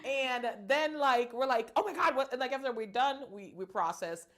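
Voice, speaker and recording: A woman's voice: high voice, normal speed, a bit bright. A woman from Jamaica hosting a casual interview, bubbly and laughing, with lots of "like" in her talk. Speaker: host.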